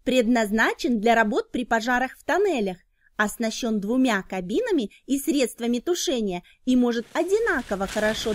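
A woman with a somewhat high voice reads scripted educational narration for children. She explains things in short, clearly enunciated phrases.

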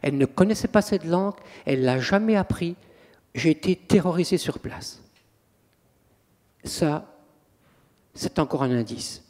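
A priest and exorcist giving an anecdotal public talk, acting out scenes as a theatrical storyteller. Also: male voice, fairly high pitch, darkish tone. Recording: long reverb of a hall.

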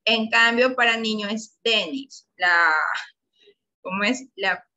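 A woman teacher with an Ecuadorian Spanish accent leads a children's English class. Her voice is bright and clear, and she keeps coaxing the pupils with patient questions. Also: a little high, slow pace, muffled recording. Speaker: primary school English teacher. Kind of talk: online class lesson.

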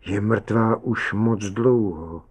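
A weathered, middle-aged lifeguard, as a male narrator puts him on speaks in a low, quiet voice, slow and gentle. The tone stays grave and sparing, as in a read short story. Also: husky.

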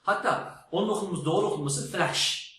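A man's voice: fairly high pitch, animated, fairly quick, a bit bright. A man giving a spoken lesson, emphatic and teacherly, demonstrating words aloud. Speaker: English teacher. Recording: very echoey room with faint noise.

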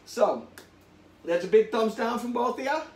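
A man's voice: very high-pitched, expressive, moderate pace, soft background music. Middle-aged man reacting to a bad smell, roomy. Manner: disgusted by a bad smell, exclaiming. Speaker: host of a family food challenge show. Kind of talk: casual hosting to camera. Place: living room at home. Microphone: camera a few feet away. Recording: roomy, distant mic with faint noise.

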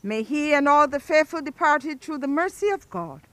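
A woman officiating a burial at a graveside outdoors, reading the funeral liturgy in a measured, solemn recitation. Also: high-pitched, lively intonation, dry recording.

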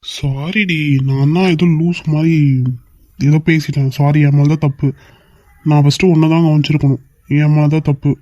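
A woman's voice: sits low, fairly even intonation, normal speed, warm tone, no echo, muffled recording, lightly acted. A woman voicing a young husband in a cartoon skit, coaxing, apologetic and playful with his wife. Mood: pleading. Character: young husband, pleading and teasing.

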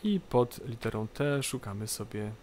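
A man presenting an unscripted game tutorial, explaining step by step in a halting way and repeating phrases. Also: medium pitch, animated, a little mellow. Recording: light background noise, game cockpit ambience. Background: flight simulator cockpit ambience.

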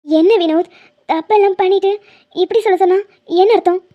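A woman's voice: extremely high pitch, steady tone, brisk, lo-fi sound. A woman voicing a young woman obsessed with love in a cartoon, pleading and insistent. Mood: accusing.

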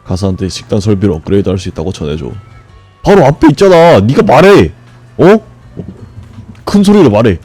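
A man streaming a game, grumbling and swearing at it, then breaking into sudden high shouts. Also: very animated, a little fast, pauses often, husky, no room sound, soft background music. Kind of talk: frustrated live gameplay commentary.

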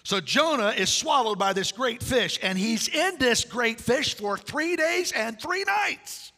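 A man with a high, bright voice preaches to his congregation, joking and acting out the characters' lines as he goes. His words ring through a large sanctuary with a long, echoing reverb. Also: a little slow. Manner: animated, jokey storytelling with acted-out dialogue. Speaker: pastor. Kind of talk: sermon.

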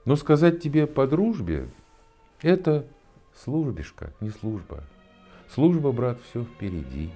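A gentle, wise little humpbacked horse from a fairy tale, voiced by an older man, speaking softly and warmly to comfort a friend. The pitch rolls up and down in a lively way. Faint music lies behind. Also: unhurried. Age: 60s. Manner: soft, comforting.

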